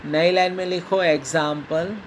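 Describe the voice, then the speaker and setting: A male teacher dictating lesson notes word by word, in slow, separated phrases. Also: a little high, steady tone, slight background noise, low-quality recording. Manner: switches between Hindi explanation and English dictation.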